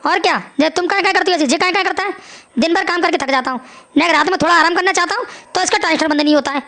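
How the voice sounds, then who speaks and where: A woman's voice: very high voice, very fast, fairly bright tone. A woman doing a grumpy, tired cartoon father. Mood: grumbling. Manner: grumbling, complaining.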